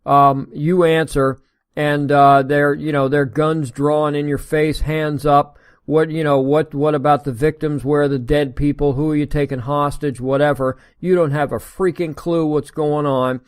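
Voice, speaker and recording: In a smooth, dry studio recording, an American man hosting a podcast reads an article in a fairly high, flat, unhurried voice. He casually interjects sarcastic and indignant asides between the passages he reads.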